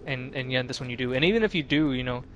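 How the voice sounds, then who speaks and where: A man casually chatting while playing a video game, relaxed, with lots of fillers and swearing. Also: mid-range voice, rapid-fire, dull audio, background noise. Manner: laid-back, swears a lot, many fillers. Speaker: let's play commentator. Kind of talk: casual gaming chat.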